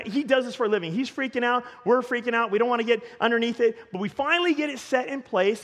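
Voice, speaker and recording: A man preaching as a pastor, telling a story in an animated way with stumbles and repeated words. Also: extremely high pitch. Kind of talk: storytelling sermon. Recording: long hall reverb.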